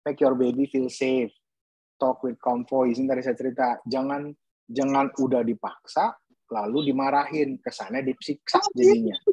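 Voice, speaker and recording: A man's voice: medium pitch, creaky, darkish tone, breathy edge, dry recording, poor audio. A man who is a pediatric dentist, giving an earnest webinar talk to parents and posing emphatic rhetorical questions.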